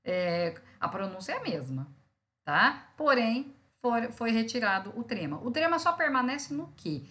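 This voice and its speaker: A woman teacher giving a recorded grammar lesson, explaining step by step, checking in with her students and sounding out syllables slowly for emphasis. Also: a little high, big pitch swings, a bit bright.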